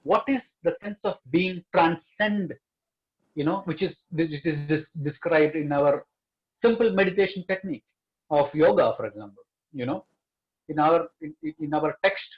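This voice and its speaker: A man's voice: on the high side, normal speed, dull audio. A man speaking earnestly as a panelist, stressing key words again and again. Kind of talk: panel discussion.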